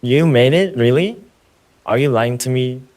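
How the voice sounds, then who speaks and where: A man's voice: medium pitch, fairly even intonation, brisk, a little mellow, far from the mic, lightly acted. A man voicing a teasing, fond young boy.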